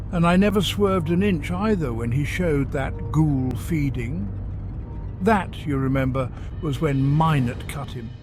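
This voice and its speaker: A man voicing an agitated, confiding gentleman in a dramatic first-person horror audiobook narration, conversational and emphatic. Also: on the high side. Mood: confiding, intense. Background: music under the voice.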